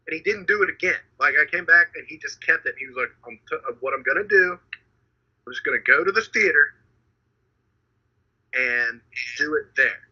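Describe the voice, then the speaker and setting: A man co-hosting a podcast, retelling a frustrating story in casual chat, animated and exasperated and swearing often. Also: a little high, moderate pace, pauses often, slightly rough, lo-fi sound. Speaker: podcast co-host.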